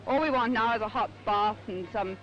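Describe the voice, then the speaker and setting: A woman's voice: a little high, a little fast, soft background music. A woman with an upper-class British Received Pronunciation accent giving a short, understated, matter-of-fact personal account for a 1940s newsreel. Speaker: ambulance driver interviewee. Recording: dull lo-fi 1940s newsreel sound.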